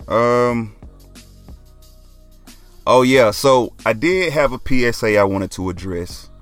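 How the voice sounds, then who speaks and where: A man's voice: medium pitch, expressive, takes it slowly, pauses often, a bit bright, soft background music. A young man, talking casually as a podcast host, laid-back and joking, often dropping "man". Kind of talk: casual solo podcast talk.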